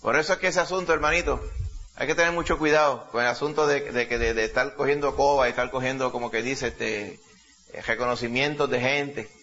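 A man's voice: mid-range voice, brisk, sharp tone. A man preaching a sermon, emphatic and full of rhetorical questions to the congregation. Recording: dull lo-fi recording.

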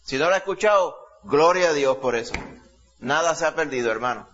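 A man's voice: fairly high pitch, expressive, fairly quick, fairly bright tone, muffled recording, a little hiss or hum. A man from Latin America preaching a sermon in a conversational teaching style, full of rhetorical questions and "ok?" check-ins.

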